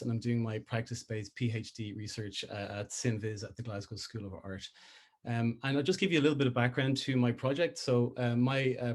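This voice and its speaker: A man from Ireland gives an academic talk over a video call. His voice sits at an ordinary middle pitch. He pauses often and fills the gaps with "uh" and "um". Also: darkish tone. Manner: hesitant, many filler sounds. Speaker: PhD researcher presenting. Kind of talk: academic conference presentation.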